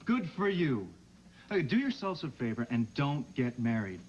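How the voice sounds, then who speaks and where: A man's voice: medium pitch, sing-song, normal speed, natural voice. An actor playing a cocky young male kidnapper in a 1990 TV soap, talking in a mocking, sarcastic way, on dull lo-fi TV audio with faint hiss. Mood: smug.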